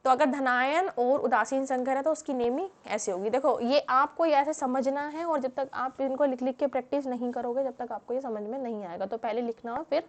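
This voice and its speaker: High-voiced woman teaching chemistry. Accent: Hindi-English mix. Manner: explains step by step with many fillers and rhetorical questions. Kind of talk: classroom lecture.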